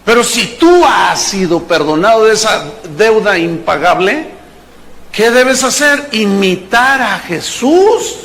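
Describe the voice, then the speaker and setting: A man preaches in a high, bright register. His sermon is animated and playful, and he often slips into little acted-out voices for the people in his stories. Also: slow. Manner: animated, playful preaching, acts out characters and jokes. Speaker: pastor.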